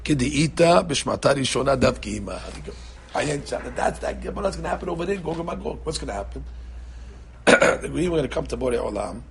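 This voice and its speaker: A middle-aged man teaching a Talmud class in an animated way, repeating words and acting out the people he quotes. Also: on the high side, fast, vocal fry, a little hiss or hum. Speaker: Torah teacher.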